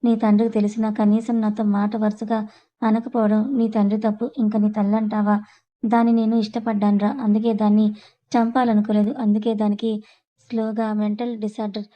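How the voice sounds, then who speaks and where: A woman voicing a scheming middle-aged villain uncle who defiantly confesses his crimes in a low, even tone. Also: brisk, muffled recording, natural voice.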